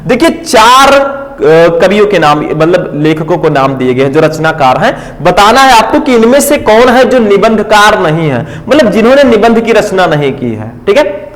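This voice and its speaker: Male tutor, fairly high voice, exam-prep lesson, keeps checking students follow, long room reverb. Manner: coaxing, asks students to comment; repeats "ठीक है" often. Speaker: teacher.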